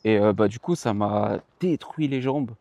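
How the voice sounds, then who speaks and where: A young man talks casually about his training in a mellow, darker voice, sounding tired. He rambles, restarts his sentences and drops slang. The recording is dry and close. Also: on the low side, unhurried, dry recording. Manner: rambling, self-correcting, slangy. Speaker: running vlogger. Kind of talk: casual vlog chat to the viewer. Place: outdoors.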